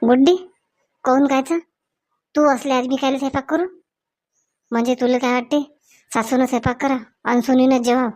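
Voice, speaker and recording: A woman playing a bickering rural mother-in-law in a comedy sketch, speaking with quick, scolding banter. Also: high-pitched, steady tone, darkish tone, lightly acted. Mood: mocking.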